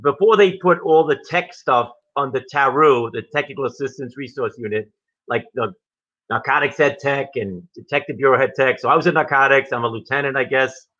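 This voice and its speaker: Wry ex-lieutenant, bright dull-toned voice. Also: male voice, medium pitch, brisk. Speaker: retired police lieutenant, guest. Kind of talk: casual podcast chat. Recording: dull lo-fi sound.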